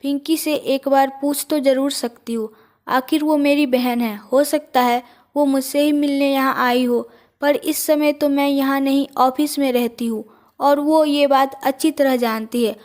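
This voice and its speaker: A woman voicing a flustered, quick-tempered young woman who works in an office. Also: sits high, steady tone, darkish tone. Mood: puzzled.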